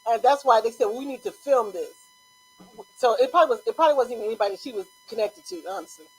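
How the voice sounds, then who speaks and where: Fast-talking, high-voiced woman storyteller. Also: slightly rough, rough recording. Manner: animated storyteller, laughs often. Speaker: co-host. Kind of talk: casual chat.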